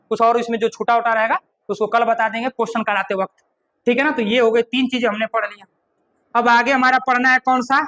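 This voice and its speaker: High, bright-voiced man teaching grammar. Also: poor audio. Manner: repeats points and keeps asking "ठीक है ना"; asks the class questions and answers them himself. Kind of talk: classroom lecture.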